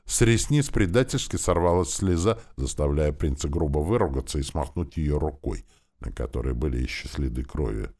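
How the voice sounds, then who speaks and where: A man narrating a dramatic story in an audiobook, with steady, expressive storytelling. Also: a bass voice, moderate pace.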